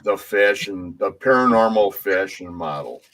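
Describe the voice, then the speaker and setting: Deep, bright genial man. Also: animated, a little slow, slight background noise. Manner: complimentary, genial. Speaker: guest. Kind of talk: casual talk show banter.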